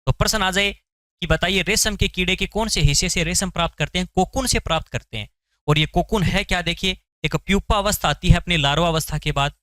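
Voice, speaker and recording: Male tutor, question-and-answer drilling style, slightly high voice, no room echo. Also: fairly quick, bright, forceful tone. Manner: asks questions then answers them; repeats key terms for memorizing. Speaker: science teacher. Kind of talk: exam-prep lecture.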